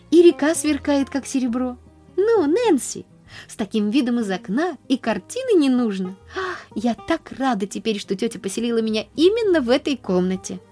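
A bright, high little girl's voice, full of breathless eager cries and swooping up in pitch, an excitable orphan child from a storybook, as a woman puts her on. The tone underneath stays mellow and warm, with faint music behind.

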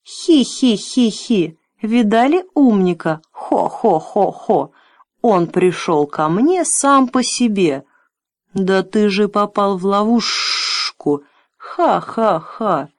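A scheming old dragoness, as a woman reader puts her on, who drawls every word slowly with mock sweetness and a hiss under it. Her voice sits fairly low and sounds close and dry. She is a storybook villain, sneering and menacing. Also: lively intonation, darkish tone, dry recording. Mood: mocking laughter. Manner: hissing, sneering, slow and drawn out. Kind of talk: audiobook character voice.

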